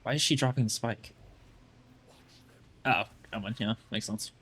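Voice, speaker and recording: A man's voice: on the low side, measured pace, fairly bright tone, husky. A man coaching a player through their gameplay in a casual, blunt way, full of "like" fillers. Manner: blunt, chatty, lots of fillers like "like". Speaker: game coach.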